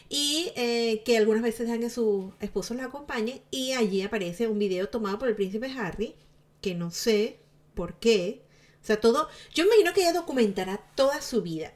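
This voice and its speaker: A woman giving chatty, sarcastic commentary to her viewers, laughing often. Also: medium pitch. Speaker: celebrity gossip vlogger.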